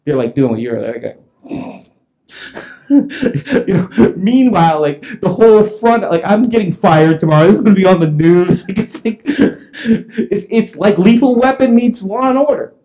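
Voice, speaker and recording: A man's voice: high voice, expressive, unhurried, warm tone. A male pastor telling a story in a sermon, chuckling as he goes.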